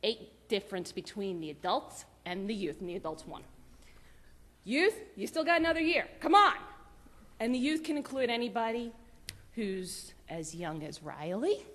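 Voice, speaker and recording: A woman giving lively, chatty announcements to a church congregation, laughing often. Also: medium pitch, normal speed. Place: church sanctuary. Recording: long church reverb.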